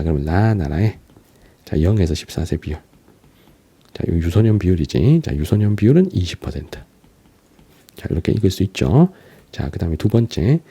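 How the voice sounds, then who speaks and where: A man's voice: low-pitched, creaky, dark tone, breathy edge. A man teaching a geography lecture, walking through an exam graph and asking students questions as he goes. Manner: starts phrases with a drawn-out "ja", asks students questions.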